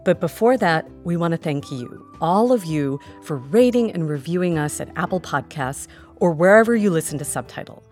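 A woman's voice: sits low, lively intonation, moderate pace, few pauses, darkish tone, faint music behind. A woman co-hosting a scripted podcast conversation, talking in a thoughtful, emphatic way. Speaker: podcast co-host. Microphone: studio microphone.

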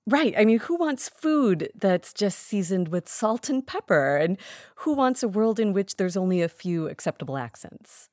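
A woman's voice: mid-range voice, sing-song, moderate pace, a little mellow, no room sound, studio quality. A woman co-hosting a scripted podcast conversation, talking in a thoughtful, emphatic way. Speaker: podcast co-host. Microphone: studio microphone.

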